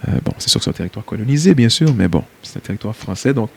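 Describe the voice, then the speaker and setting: Speaking very fast and animatedly, this Québécois-accented man from Quebec has a lowish, slightly rough voice with vocal fry. He's a nonprofit CEO appearing as a guest in a casual interview, full of fillers, hesitation and easy laughter.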